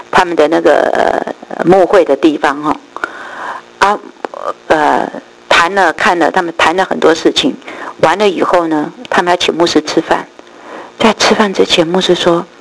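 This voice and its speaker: A middle-aged woman, giving a lively church testimony and storytelling. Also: fairly low pitch, gravelly, rough recording. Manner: lively storytelling, acts out quoted voices, many drawn-out particles.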